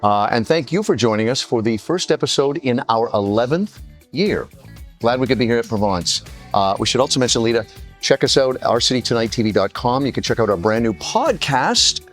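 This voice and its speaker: An energetic man hosts a TV segment from a restaurant. He keeps a jokey tone. Faint music plays behind him. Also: medium pitch, brisk. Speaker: host. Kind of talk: casual TV segment hosting. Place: restaurant, Vancouver.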